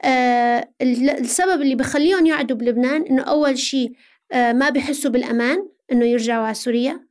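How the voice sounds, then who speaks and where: An interview guest from Aleppo, Syria, answers questions in a high-pitched, slightly mellow voice, speaking fast. She's conversational and earnest, laying out explanations and posing rhetorical questions as she goes.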